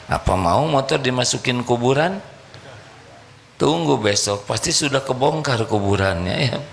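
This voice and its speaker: A man's voice: medium pitch, expressive, normal speed, gravelly, a little hiss or hum. A male preacher, giving a sermon and playfully quizzing his audience. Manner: playful, questioning the audience directly.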